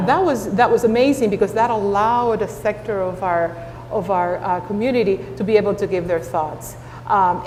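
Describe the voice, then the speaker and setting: Speaking on a panel in a conference hall, a woman superintendent of schools talks earnestly with a Spanish accent, Spanish being her native language, and restarts frequently with fillers. Her voice is mid-range and a little mellow. Echo from the hall and faint noise come through.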